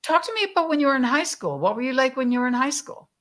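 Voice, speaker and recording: A woman hosting a live stream interview, gushing with praise and often pausing with fillers. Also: high voice, animated. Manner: effusive, warm praise, many fillers. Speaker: host. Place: live stream video call.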